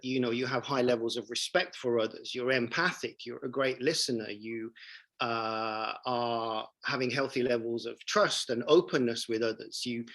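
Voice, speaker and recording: Man in his 40s, coach talking in an interview, keen and emphatic, average pitch. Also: a bit bright, low-quality recording. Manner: enthusiastic, emphatic, repeats phrases for emphasis. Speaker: leadership coach and trainer. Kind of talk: interview guest storytelling.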